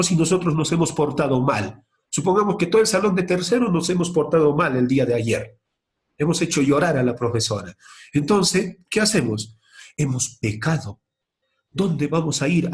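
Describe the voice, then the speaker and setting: A questioning, animated male history teacher. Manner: asks questions and answers them himself, lively rises in pitch. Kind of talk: classroom history lesson.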